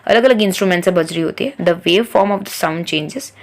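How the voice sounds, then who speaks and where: A woman tutor explains a science textbook, reading English lines slowly and then going over them in Hindi. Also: on the low side.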